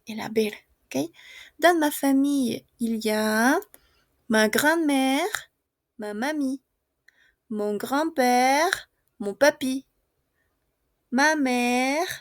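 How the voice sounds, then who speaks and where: A woman leads a French lesson, patiently repeating each word for her students. Her voice sits a little high with a gravelly edge. The sound is dry and close. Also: no room sound. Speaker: French teacher. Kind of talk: online class, mixing French and Spanish.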